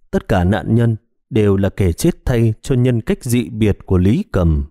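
A man narrating a horror detective story in a scripted, expressive storytelling manner on a close mic. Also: fairly low pitch, dry recording. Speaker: audiobook narrator.

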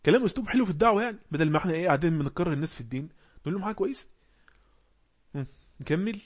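A man with an Egyptian accent teaching an English class online, explaining words and quizzing the class with quick questions. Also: sits high, lively intonation, slightly rough. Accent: Egyptian Arabic. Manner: reads English passages slowly.

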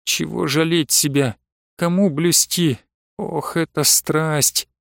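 A man reading aloud and voicing a bold, teasing young peasant woman with a quick temper. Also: a little high, expressive, no room sound, studio quality, lightly acted. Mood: breathless. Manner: teasing, coaxing, then fiery.

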